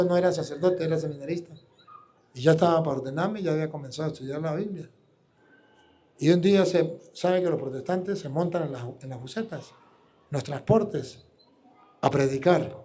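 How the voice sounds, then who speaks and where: Priest, man, high voice, preaching live, combative and full of rhetorical questions. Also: dark tone, breathy edge.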